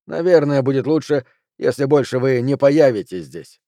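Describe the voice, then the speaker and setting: A man's voice: medium pitch, expressive, normal speed, dark tone, dry recording, clean studio sound, lightly acted. A man voicing a weary, world-wise gambler in an audiobook, talking in a tired, placating way. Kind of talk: audiobook character reading.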